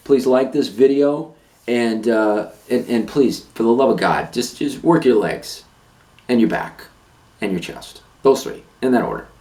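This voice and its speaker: A man's voice: medium pitch, darkish tone. A man on a fitness channel, ranting to camera, blunt and emphatic, who hammers his points home by repeating them. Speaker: fitness vlogger.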